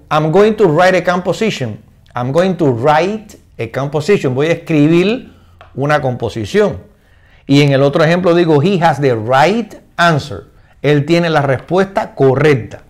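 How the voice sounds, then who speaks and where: An older man explaining English words in Spanish, patient and repetitive, slowing down to read English examples and often checking understanding. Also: on the high side. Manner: reads English examples slowly and deliberately. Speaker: English teacher.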